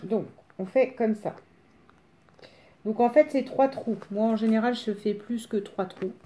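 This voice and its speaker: A woman with a smoker's rasp chatting casually through a craft demonstration in a rambling, self-deprecating way. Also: a little high, measured pace, warm tone. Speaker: craft tutorial presenter.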